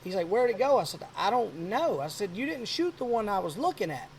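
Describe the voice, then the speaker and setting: A man around forty hosting a podcast, telling a hunting story in a rambling, animated way. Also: high voice, fairly quick, creaky, a little hiss or hum. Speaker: podcast host. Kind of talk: casual chat.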